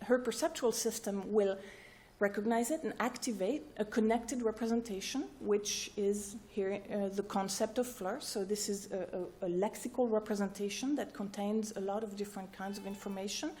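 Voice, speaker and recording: A woman researcher presents at an academic workshop, speaking to a room of listeners. Her voice is mellow and soft-edged, and her pitch sits in the middle. She lays out each idea step by step and often checks in with "right?" and "okay?". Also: fairly even intonation, moderate pace, a little hiss or hum. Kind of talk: academic conference talk. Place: lecture room with an audience.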